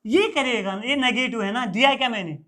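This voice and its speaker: A man's voice: extremely high pitch, brisk, sharp tone. Man quizzing students through a lecture. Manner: quizzes students and answers his own questions; repeats key terms in a call-and-response rhythm. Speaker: teacher. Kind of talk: classroom chemistry lecture.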